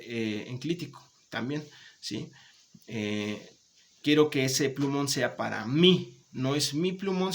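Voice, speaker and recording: Male teacher checking understanding. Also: mid-range voice. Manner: patient, repeats points, checks in with "¿sí?"; warm, encouraging toward students. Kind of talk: remote class lecture.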